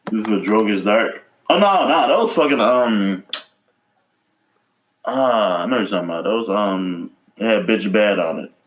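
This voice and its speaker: Low-voiced man swearing in casual chat. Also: normal speed, slight background noise, low-quality recording. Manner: swears freely, animated storytelling. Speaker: podcast co-host.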